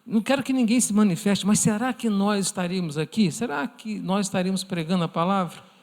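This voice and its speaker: A man's voice: high voice, quick pace. A man with a Brazilian Portuguese accent teaching a church lesson, earnestly addressing the congregation as brothers and acting out imagined prayers. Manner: acts out imagined prayers in a softened voice. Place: church hall. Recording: long reverb of a church hall.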